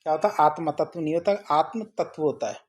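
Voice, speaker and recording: A woman with a low, fast, slightly mellow voice and a breathy edge teaches a Hindi spelling lesson for exam prep in a Rajasthani accent. She drills repetitively, posing questions and answering them herself again and again.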